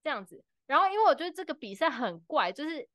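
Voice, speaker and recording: A young woman tells a story on her podcast. She is excitable and animated, and her pitch leaps up and down. Her voice sounds close and dry. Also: fast talker, no room sound. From Taiwan. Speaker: podcast co-host. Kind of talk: casual chat.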